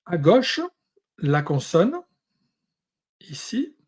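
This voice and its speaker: A man teaching a lesson, going through Hebrew and Greek words one at a time with many pauses. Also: a little high, lively intonation, darkish tone, husky. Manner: explains word by word, pausing often. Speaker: Bible teacher.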